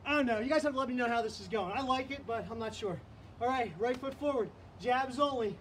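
High-pitched male fitness coach, energetic cue-calling, mic set back, faint hiss. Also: fast. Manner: energetic, calls out counts and cues. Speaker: fitness instructor. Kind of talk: live online workout coaching. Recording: distant mic, faint background noise.

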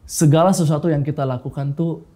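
Mellow-voiced man from Makassar, casual. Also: fairly high pitch, steady tone, a little fast. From Makassar, Indonesia. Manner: informal, often says "Bro", mixes in English phrases. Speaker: guest sharing a personal testimony. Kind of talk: casual testimony chat.

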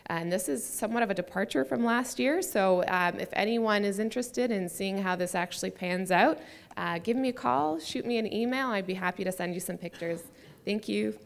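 A woman's voice: medium pitch, moderate pace, gravelly. A woman presenting slides at a conference, speaking hesitantly with many fillers. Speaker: conference speaker, city public art staff.

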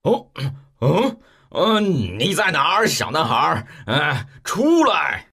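A woman voicing a huge, greedy male giant in a children's storybook, growling and grunting slowly. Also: low voice, big pitch swings, fairly bright tone, breathy edge, voice pushed down, full character voice. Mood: gruff, menacing. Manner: growling, sniffing, slow menacing grunts.

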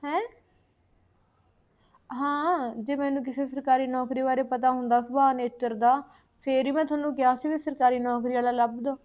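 A woman's voice: sits high, steady tone, normal speed, lo-fi sound, lightly acted. A young woman playing a spoiled newlywed wife who whines and complains about her in-laws. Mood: complaining. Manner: whining, complaining, quarrelsome. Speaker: actor in a short film. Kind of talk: village short-film acting.

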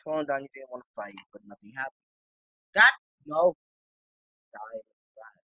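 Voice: mid-range voice, lively intonation, normal speed, bright, forceful tone, no echo, highs cut off. A young gamer commenting on their own play, anxious muttering broken by sudden outbursts. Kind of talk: game commentary.

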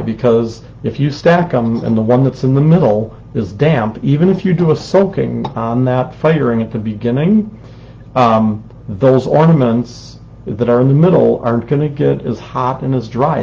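With a fan running in his indoor studio, the instructor chats through a livestreamed pottery demonstration, explanatory and prone to saying um, right up at a desk microphone. He sounds medium-pitched, gravelly and mellow on dull audio.

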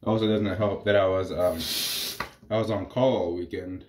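A man in his thirties, stuffed up with a cold, talks to the camera in a small, echoey bathroom while he shaves. His voice is low and his speed normal, and he rambles in a relaxed way, like a wet-shaving reviewer doing casual vlog commentary.

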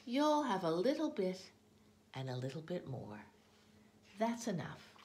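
A busy village mother from a picture book exclaims in exasperation, her voice climbing high. A woman reading aloud acts her out. Her speech swoops widely up and down. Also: wildly swooping pitch, measured pace, a little mellow, slight background noise. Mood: exasperated.

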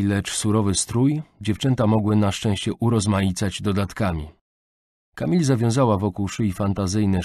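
Low-voiced male audiobook narrator. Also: darkish tone, no echo, clean studio sound. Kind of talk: scripted narration.

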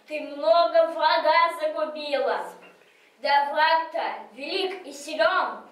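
A woman reciting poetry in a slow, mournful, sing-song way. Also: high-pitched. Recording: very echoey, far from the mic.

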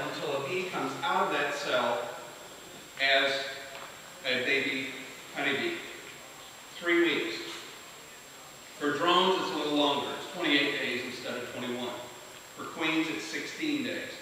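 A man teaching a beekeeping class to a live audience in a lively lecture manner, often putting questions to the room. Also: a little high. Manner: energetic, asks the audience questions. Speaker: beekeeping instructor. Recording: echoey hall from far off, hiss.

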